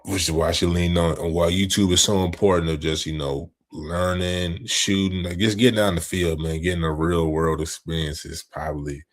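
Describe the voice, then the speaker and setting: A man's voice: low-pitched, steady tone, moderate pace, hardly any pauses. A man co-hosting a podcast, talking sports in a laid-back, slangy way and often asking "you know what I mean". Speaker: podcast co-host. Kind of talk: casual sports chat.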